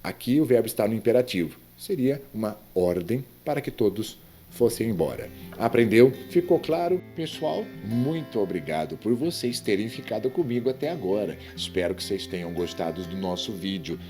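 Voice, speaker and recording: A man's voice: fairly low pitch, lively intonation, normal speed, mellow, soft background music. A man with a Brazilian accent giving a grammar lesson, quizzing the viewer and explaining each answer. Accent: Brazilian Portuguese. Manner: questions and quizzes the viewer, rising and falling emphatically. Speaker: Portuguese grammar teacher.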